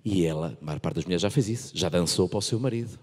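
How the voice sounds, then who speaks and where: A man in his thirties with a European Portuguese accent, doing animated stand-up into a handheld mic on a large theatre stage. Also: deep voice, quick pace, breathy edge, big-room sound. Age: 30s. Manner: animated, repeats and restarts phrases for effect. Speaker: stand-up comedian. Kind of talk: stand-up comedy routine. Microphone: handheld microphone.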